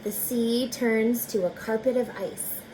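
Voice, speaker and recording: Reading a children's picture book aloud, this teacher's voice sits on the high side, and background noise can be heard. She is expressive, slow, and deliberate, turning often to address the young listeners in a chatty way.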